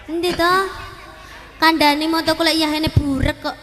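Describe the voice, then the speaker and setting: A woman's voice: high voice, level tone, measured pace. A woman singer chatting playfully and politely on stage, laughing often. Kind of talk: casual banter on stage. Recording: long reverb with music behind.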